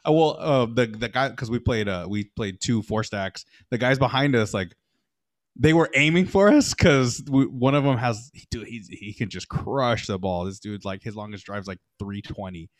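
A young man telling golf stories in casual chat, animated, acting out the people he quotes, with lots of fillers. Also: mid-range voice, normal speed, dry recording, studio quality. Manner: animated storyteller, acts out quoted voices, many fillers.

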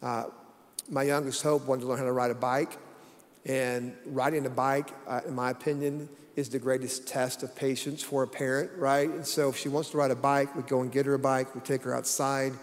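A man's voice: medium pitch, level tone, moderate pace. A middle-aged man preaching a conversational sermon as pastor, telling stories folksily and repeating key phrases for emphasis. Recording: long reverb of a large hall.

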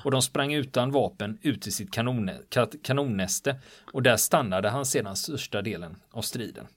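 A man of medium pitch tells a wartime story in a relaxed, conversational way. He retells it vividly, with plenty of drive, and slips into the quoted lines of the people in the story. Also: dry recording, clean studio sound. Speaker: storyteller recounting wartime history. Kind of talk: casual spoken history telling. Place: on the island where the events happened.

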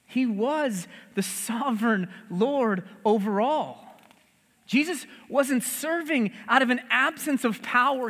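Animated, high-voiced preacher in a reverberant hall. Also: male voice. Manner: conversational, humorous, animated storytelling. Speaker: pastor. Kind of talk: sermon.

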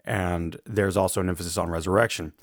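A man with a gravelly voice, rough from allergies, giving an informal lecture in a measured, carefully qualified way. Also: deep voice, steady tone, no room sound, studio quality. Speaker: theology lecturer.

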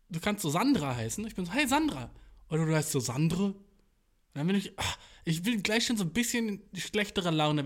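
A young man chatting casually as a podcast host, rambling in slangy, profane talk and acting out his inner voice. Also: fairly high pitch. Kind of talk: casual chat.

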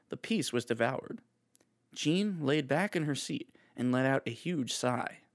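A man reads a scripted horror story in a steady, measured way. His voice sits at an ordinary middle pitch. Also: gravelly. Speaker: narrator.

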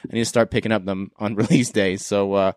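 Laughing young Canadian host, low and dry. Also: male voice, fairly even intonation, quick pace, a little mellow, no echo. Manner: enthusiastic, laughs often, slangy. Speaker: podcast host. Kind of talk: casual podcast chat.

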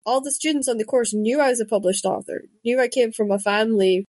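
A woman in her thirties who hosts a podcast and writes books chats casually, telling stories peppered with quoted asides. Her voice is on the high side and darkish, she speaks quickly, and there's no room sound.

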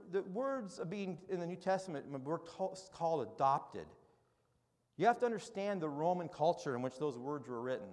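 A male pastor delivering a sermon, moving from quiet, conversational explanation into loud, emphatic preaching. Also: fairly high pitch, big-room sound.

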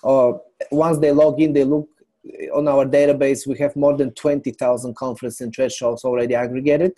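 A middle-aged man from Bulgaria, a company founder explaining his business as a podcast guest in a measured way. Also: medium pitch, little pitch movement, dark tone. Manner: measured, explanatory, lists items. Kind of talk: business interview.

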